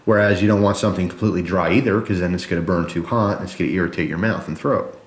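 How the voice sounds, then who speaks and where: A man's voice: sits low, quick pace, reverberant. A man chatting casually and informally to viewers, explaining step by step as he demonstrates a product in a review video.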